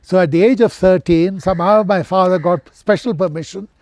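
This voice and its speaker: A man of ninety with a posh Indian accent, reminiscing as an interview guest in an educated, measured way with hesitant pauses. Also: sits high, darkish tone. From central India. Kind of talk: reminiscing in conversation.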